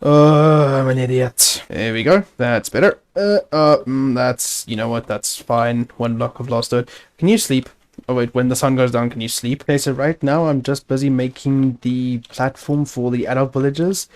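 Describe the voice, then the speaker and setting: A man's voice: medium pitch, normal speed. A man hosting a gaming video, giving casual gameplay commentary, chatty and self-narrating with wry asides.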